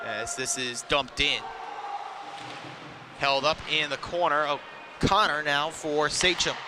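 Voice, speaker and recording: A man's voice: a little high, steady tone, slow. A man giving live ice hockey commentary in clipped phrases that follow the play. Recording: noisy rink ambience around the mic.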